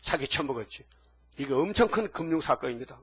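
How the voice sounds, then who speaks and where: A man's voice: medium pitch, expressive, brisk, breathy edge. A male pastor preaching a fervent sermon, scolding and firing rhetorical questions at the congregation.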